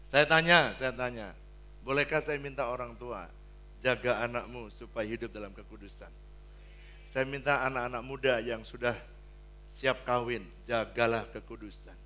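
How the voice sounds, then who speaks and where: An older man preaching a sermon as pastor, blunt and joking, swinging from hushed pleading to loud exclamations. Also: medium pitch, steady tone, normal speed, a little hiss or hum. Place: church hall.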